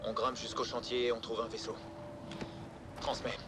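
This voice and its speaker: A man's voice: medium pitch, flat delivery, moderate pace, close to an everyday voice. A man acting an earnest, commanding space marine commander in a French game dub. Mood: commanding, urgent. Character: steadfast military commander leading stranded space marines. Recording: noisy battlefield ambience behind the voice.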